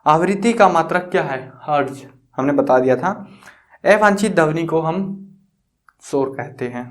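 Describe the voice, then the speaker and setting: A man's voice: a little high, lively intonation, moderate pace. A young man teaching school science in a chatty, teasing way, asking questions and answering them himself. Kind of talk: casual classroom explanation.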